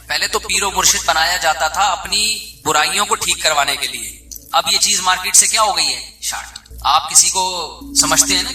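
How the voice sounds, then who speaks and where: A man's voice: sits high, sharp tone, echoey room. A man giving a conversational religious sermon, posing rhetorical questions and answering them himself. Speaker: religious scholar.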